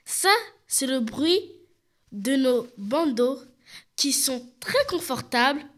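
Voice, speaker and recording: High voiced woman host, slow and bright, bit stuffy from a cold, showing off products to viewers. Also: animated. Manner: addresses viewers directly, describes items in detail. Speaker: show host presenting products. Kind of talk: scripted product presentation.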